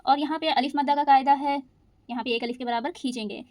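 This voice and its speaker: A woman teaching Quran recitation rules, patiently explaining each rule and reciting verses slowly. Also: high voice, steady tone, darkish tone, dry recording. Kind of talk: step-by-step recitation lesson.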